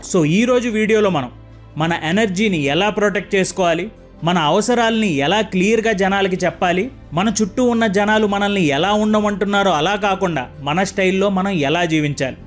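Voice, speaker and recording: A young man narrating a book summary in an earnest, reflective way, asking calm rhetorical questions. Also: sits high. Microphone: close microphone.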